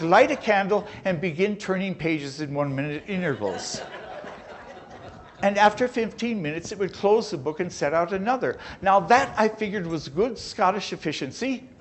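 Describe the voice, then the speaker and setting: High-voiced man telling a first-person story. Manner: animated, wide-eyed storytelling. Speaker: chautauqua performer.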